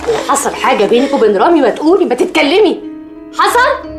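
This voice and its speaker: Middle-aged Egyptian mom, high and expressive, soap-drama intensity. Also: female voice, fast. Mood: furious. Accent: Egyptian Arabic. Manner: coaxing, then bursting into furious scolding. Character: doting mother turned furious, middle-aged woman. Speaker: mother. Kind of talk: TV drama acting. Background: music score.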